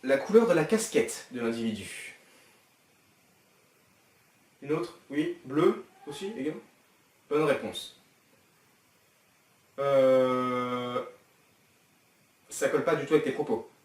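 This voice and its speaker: A man's voice: mid-range voice, darkish tone. A young man mocks another creator's video in teasing, sarcastic commentary. He sits a little away from the mic, so his voice carries a noticeable room echo. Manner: sarcastic, teasing, quick asides. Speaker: reaction youtuber. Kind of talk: mocking reaction commentary. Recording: echoey room, distant from the mic.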